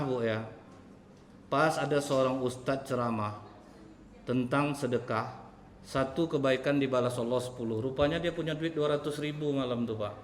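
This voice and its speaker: A man's voice: on the high side, a little hiss or hum. Man preaching with humor. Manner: humorous, conversational, repeatedly addressing the audience. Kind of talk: storytelling sermon. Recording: hall reverb, faint background ambience.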